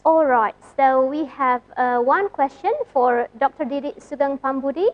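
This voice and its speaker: A woman's voice: high-pitched, moderate pace, lo-fi sound. A woman moderating a conference session, polite and using frequent uh fillers as she introduces questions.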